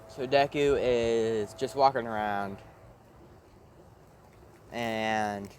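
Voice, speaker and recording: A man's voice: lowish voice, slight background noise. A man casually narrating a made-up fan story, rambling, with fillers and the odd swear word.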